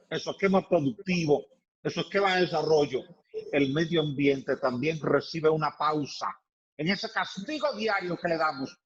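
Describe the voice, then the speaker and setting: A man with a high voice explains his points emphatically, stacking repeated phrases for weight. The sound is dull and lo-fi, as if he is on a remote line to the studio. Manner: emphatic, builds points by repetition. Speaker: environmental expert guest. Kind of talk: explanatory radio interview.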